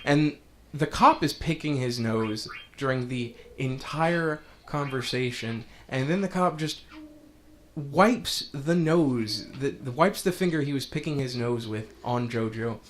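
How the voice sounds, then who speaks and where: A man chatting over a game he is playing, drifting off into long, animated stories about things he has watched. He talks at an ordinary middle pitch, and there is a faint hiss of background noise behind him. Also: measured pace. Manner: rambling storyteller, animated when retelling scenes. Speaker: let's play commentator. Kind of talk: casual gaming commentary.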